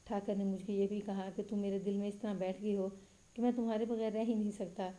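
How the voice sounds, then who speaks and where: A woman narrating a story in a steady, even reading voice. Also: low-quality recording. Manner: steady, even reading with little pitch movement.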